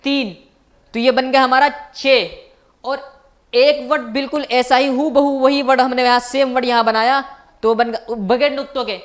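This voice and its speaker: A man's voice: extremely high pitch, little pitch movement, moderate pace, fairly bright tone. A man teaching as a language teacher in a recorded online lecture, patiently repeating each point and asking his viewers questions.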